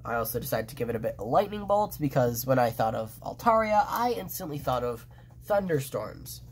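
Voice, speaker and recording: This man's mid-range voice is very animated, a little fast and slightly rough, and his congested nose makes every word nasal and thick as he sniffles. A fan artist, he gives rambling show-and-tell commentary on his drawings, full of restarts and fillers. The audio suggests a phone propped over a tabletop indoors.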